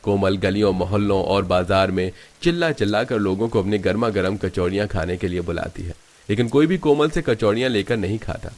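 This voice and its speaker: A man with a fairly low, slightly mellow voice narrates a cartoon tale. It's scripted storytelling, delivered in the third person as a narrator.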